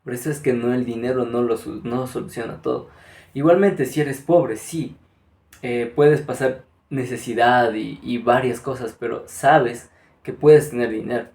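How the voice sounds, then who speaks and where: A man's voice: medium pitch, fairly even intonation, moderate pace, creaky, darkish tone. A man giving an earnest spiritual talk, speaking directly to the listener. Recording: echoey room.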